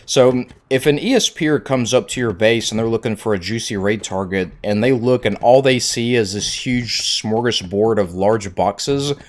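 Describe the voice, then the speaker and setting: Low-voiced man casually explaining game tactics. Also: normal speed, hardly any pauses. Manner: conversational, emphatic with repeated points. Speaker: gaming tutorial creator.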